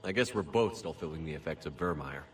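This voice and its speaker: An actor playing a tough, hard-edged military commander in a video game, terse and direct. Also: male voice, extremely low pitch, lively intonation, quick pace, a little hiss or hum. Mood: frank.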